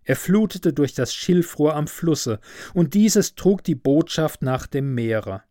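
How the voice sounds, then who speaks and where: A man narrating a storybook tale in a slow, measured way. His voice sits a touch high for a man, and the sound is dry and close to the mic, with no room around it. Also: animated, warm tone, dry recording. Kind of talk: storybook reading.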